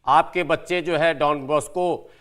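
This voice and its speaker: A man who is a panelist in a heated TV debate, talking loudly over the others. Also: on the high side, steady tone, a little slow. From Bihar. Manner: loud, talks over others.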